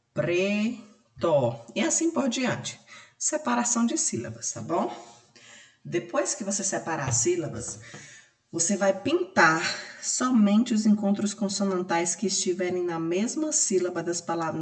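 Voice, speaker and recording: A woman with a Brazilian accent teaching a recorded class, explaining each step slowly and patiently. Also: fairly low pitch, lively intonation, far from the mic. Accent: Brazilian Portuguese. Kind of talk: recorded remote class lesson. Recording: roomy echo, off-mic.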